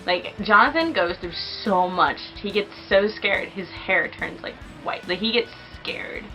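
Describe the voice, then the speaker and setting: A woman's voice: medium pitch, measured pace, pushed and bright, soft background music, low-quality recording. A young woman chatting casually and enthusiastically as she reviews a movie, peppering her talk with fillers.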